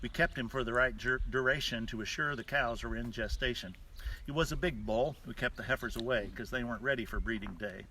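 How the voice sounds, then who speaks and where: A man, a rancher, reciting rhymed cowboy poetry in a measured, sing-song delivery. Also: medium pitch, sharp tone. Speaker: rancher hosting a live stream from a ranch. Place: outdoors on a cattle ranch. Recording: distant mic outdoors, noisy with bawling cattle. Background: cattle mooing.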